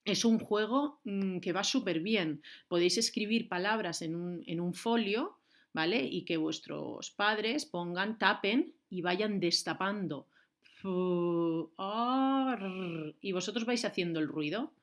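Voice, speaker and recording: A young adult woman with a Valencian accent, teaching a remote lesson to young children in a clear, encouraging way. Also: mid-range voice. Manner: slow, clear, encouraging, speaks to kids and switches between Valencian and Spanish. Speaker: primary school teacher.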